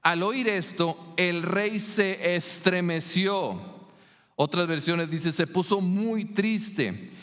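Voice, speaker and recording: A man with a Mexican Spanish accent preaching a sermon as pastor, telling a story in an earnest, emphatic and deliberate way. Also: high-pitched, animated, fairly bright tone, big-room sound.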